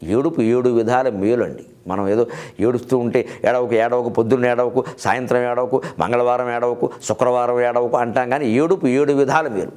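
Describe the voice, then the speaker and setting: A middle-aged man giving a humorous literary talk in a storytelling manner, quoting verses slowly and adding lively asides. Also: medium pitch. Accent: Telugu. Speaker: literary speaker and host.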